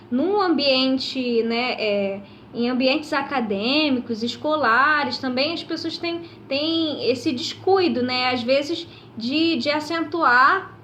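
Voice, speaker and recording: Woman teacher, high voice, patient and step-by-step, often checks "right?", roomy echo. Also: takes it slowly, sharp tone, highs cut off, a little hiss or hum. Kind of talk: recorded classroom lesson. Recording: echoey room.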